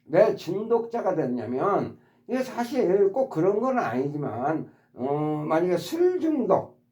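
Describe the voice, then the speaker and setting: A man's voice: high voice, big pitch swings, unhurried, warm tone, echoey room. A man teaching English vocabulary to his subscribers, repeating each word and demonstrating its stress patterns. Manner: addresses subscribers politely. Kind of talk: explanatory vocabulary lesson.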